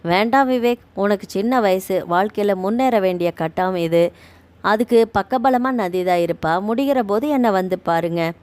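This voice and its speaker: A woman voicing a lonely older woman who is moving into a care home; she speaks softly, resigned and pleading. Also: medium pitch, moderate pace, lightly acted.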